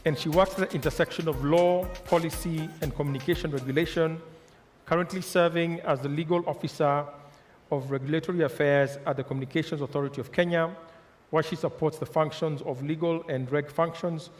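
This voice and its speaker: A man's voice: fairly high pitch, steady tone, brisk. A man serving as emcee at a live conference, introducing the next session with frequent fillers and restarts. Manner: hesitant, filler-heavy introductions. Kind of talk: live event hosting. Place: large conference hall. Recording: long hall reverb with faint music.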